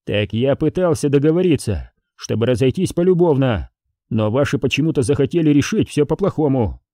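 A man voicing a stern male army officer who gives firm, measured commands. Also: mid-range voice, animated, warm tone, no echo, clean studio sound, close to an everyday voice. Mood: commanding.

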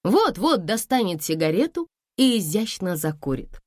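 A woman reading a novel aloud as narrator, with expressive storytelling. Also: medium pitch, moderate pace, no room sound, clean studio sound. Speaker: audiobook reader. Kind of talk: scripted narration.

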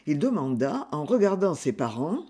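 A man reading a novel aloud as an audiobook narrator, with a husky voice and lively storytelling. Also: on the high side, moderate pace. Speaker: audiobook reader.

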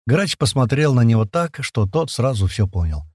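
A man's voice: medium pitch, moderate pace, dry recording, clean studio sound. A man reading an audiobook aloud, narrating in the first person and voicing the dialogue. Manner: lively, shifts voice for quoted characters.

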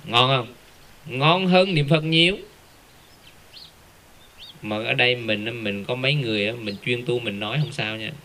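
Brief: male lay Buddhist speaker, bright tense tone, lively rhetorical delivery, faint background hiss. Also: medium pitch, unhurried, pauses often. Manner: animated, rhetorical questions, joking asides. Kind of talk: casual Dharma talk.

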